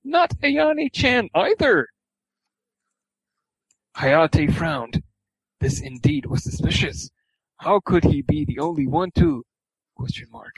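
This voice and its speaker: A man's voice: fairly high pitch, dry recording, poor audio. Man stumbling through a comic read-aloud. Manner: stumbling over words, swearing, laughing at the text. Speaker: reader. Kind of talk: comic reading of fan fiction aloud.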